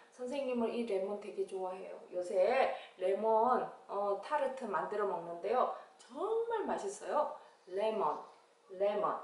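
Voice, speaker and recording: A woman teacher leading an English lesson for young children, with a sing-song manner and big pitch jumps on the English words. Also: reverberant, recorded from a distance.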